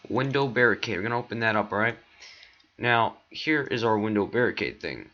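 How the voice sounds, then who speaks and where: Animated and brisk, this tutorial maker speaks in a lowish voice with a bright, forceful tone. In his casual screen-recorded tutorial, captured on a dull lo-fi mic, he clicks through steps while rambling with lots of ums and the odd voice crack.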